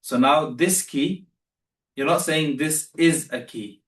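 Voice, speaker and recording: A man's voice: a little high, slow, echoey room, distant mic. A man teaching beginner Arabic in a live online class, patient and repeating himself as he corrects students.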